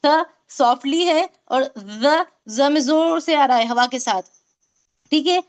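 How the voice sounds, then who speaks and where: A woman with a high, light voice leads an online recitation class over a video call. She explains each point patiently and repeats sounds again and again so her students can drill them. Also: unhurried. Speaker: Quran recitation teacher.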